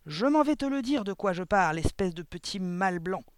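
A man's voice: fairly high pitch, normal speed, darkish tone, no room sound, natural voice. A man reading a storybook aloud, voicing a cruel, furious woman headmistress who bellows insults at a pupil. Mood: raging.

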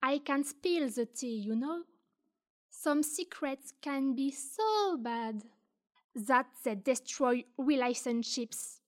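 A woman's voice: sits high, lively intonation, takes it slowly, a little mellow. A woman playing a spiteful young crew member who threatens to spill secrets, in a student audio drama. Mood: scornful. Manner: scornful, threatening.

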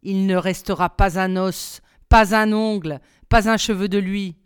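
A woman's voice: medium pitch, fairly even intonation, smooth, no echo, clean studio sound, close to an everyday voice. Woman reading a cold scheming palace villain. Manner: quiet, deliberate plotting. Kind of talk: storybook reading.

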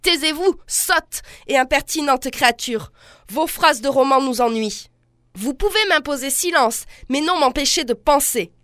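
A furious, blustering colonel husband who hurls scornful insults at his wife, read aloud by a woman. The voice sits fairly high, and the recording is dry and close. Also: measured pace, a bit bright, dry recording. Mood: angry. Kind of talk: literary reading aloud.

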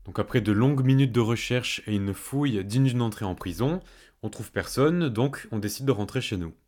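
A man's voice: medium pitch, expressive, moderate pace, darkish tone. A young man narrating a first-person story in a fireside storytelling style, with a colloquial, self-mocking comic touch. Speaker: host and storyteller.

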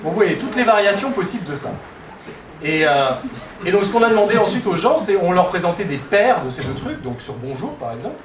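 A man gives a relaxed, explanatory science talk and now and then shows a point with his own voice. His voice sits a little high for a man. The sound is roomy and picked up from some way off, with a faint hiss behind it. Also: a little fast. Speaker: researcher presenting voice experiments. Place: conference hall. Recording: echoey hall, distant mic, faint noise.

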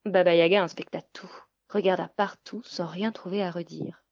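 A woman narrating a fairy tale in an expressive, measured storybook reading. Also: lowish voice, gravelly, no room sound, lo-fi sound.

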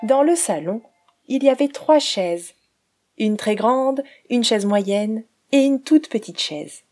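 Woman narrator for a children's tale: expressive reading, occasional whisper, soft music bed. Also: a little high, slow. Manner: expressive, dropping to a whisper at times. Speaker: storyteller. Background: faint forest-themed music.

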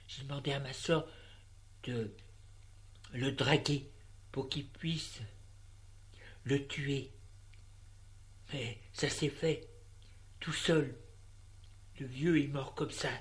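A woman reading a story, voicing a cold, scheming young widow who speaks smoothly and politely but firmly. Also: extremely low pitch, fairly even intonation, slow, pauses often. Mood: scheming, offhand.

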